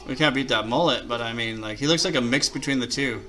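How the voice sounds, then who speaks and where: A man's voice: mid-range voice, quick pace, pushed and bright. A man chatting casually and giving rambling, slangy off-the-cuff commentary as a co-host. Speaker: co-host of a wrestling watch-along.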